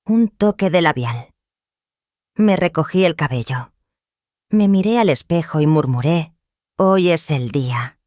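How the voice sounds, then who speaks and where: An older woman narrating her own story in the first person, calm, firm and cold. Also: low voice, dry recording, clean studio sound.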